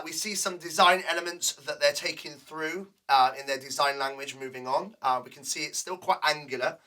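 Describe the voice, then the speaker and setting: A man's voice: medium pitch, sharp tone, far from the mic. A man co-hosting a casual studio chat show, chatty and rambling, leaning on "you know" and "um". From England. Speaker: co-host.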